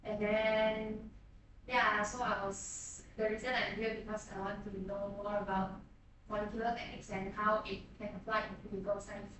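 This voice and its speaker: A woman from Malaysia introducing herself to her class in a steady, even way. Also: medium pitch, normal speed. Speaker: graduate student introducing herself. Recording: echoey classroom, far from the mic, with noise.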